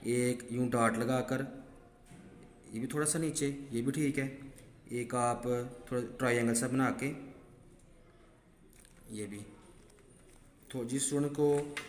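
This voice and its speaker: A man with a mid-range voice takes his time teaching students to write letters, leaving long pauses as he patiently explains each stroke and often says "ठीक है." The handwriting lesson is recorded in an echoey room with faint background noise.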